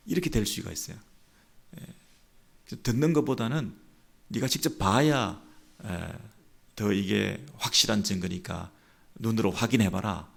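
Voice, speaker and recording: A male pastor delivers a dawn sermon, reading scripture aloud and then retelling it as lively spoken dialogue. His voice sits low and carries a gravelly rasp, and he swings from quiet asides to loud, raised-pitch quotations. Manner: acts out quoted dialogue with lively shifts in pitch and loudness. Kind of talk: sermon at a dawn prayer service.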